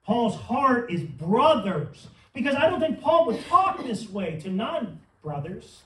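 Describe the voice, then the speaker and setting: Fervent high-voiced male preacher. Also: sing-song, slow pace, bright, forceful tone, a little hiss or hum. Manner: fervent, rising to emphatic peaks. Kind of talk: sermon. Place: church sanctuary. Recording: roomy sound from some distance.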